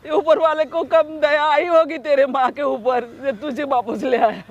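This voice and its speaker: A woman's voice: sits high, steady tone, moderate pace. A woman acting as a middle-aged mother in a drama skit, crying as she keeps repeating her questions to her son. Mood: tearful. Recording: dull lo-fi sound.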